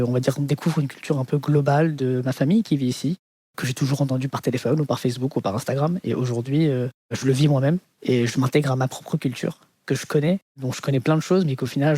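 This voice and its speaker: French guy with a paris accent, mellow low-key voice, lots of um and "on va dire", dry close sound. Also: breathy edge, no room sound. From France. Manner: hesitant, many fillers like "on va dire". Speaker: interviewee. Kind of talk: reflective personal testimony.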